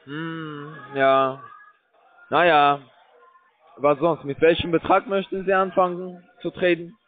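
A man posing as a scam call center agent makes a cold call, pushing a sales pitch in broken grammar full of hesitant fillers. His delivery is flat and slow, heard over a tinny phone line in a dry recording.

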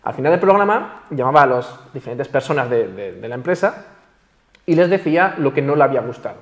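A man, a self-esteem coach explaining on a panel talk show, who lively acts out quoted everyday dialogue. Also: medium pitch, fairly quick.

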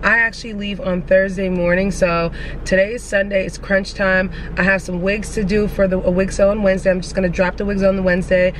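A woman's voice: medium pitch, level tone, fairly quick. A young woman vlogger talking casually and candidly to her camera from inside a car, swearing now and then. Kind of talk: casual vlog chat. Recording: noisy car and street background.

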